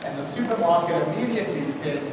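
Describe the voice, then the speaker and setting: Male business speaker, slightly high-pitched and emphatic, recorded from afar in a reverberant hall. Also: lively intonation, fast. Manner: emphatic, repeats points and addresses listener by name. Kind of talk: business talk to an audience. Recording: echoey hall, mic from far off, background noise.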